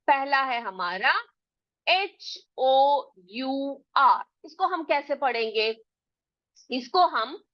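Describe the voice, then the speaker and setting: A woman with a fairly high voice, speaking slowly and patiently with a Hindi accent as she teaches children. She keeps asking a question and then answering it herself. The recording is dull and lo-fi. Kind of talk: classroom lesson explaining silent letters.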